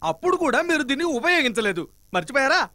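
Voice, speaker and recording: Brief: a shrill, bright, fast-babbling cowardly servant, always pleading. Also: male voice, very animated, slight background noise, exaggerated voice. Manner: wailing, pleading, rapid chatter. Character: frantic whining male servant, cowardly and pleading. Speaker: sleepwalking comic servant in a film. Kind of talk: dubbed film comedy dialogue.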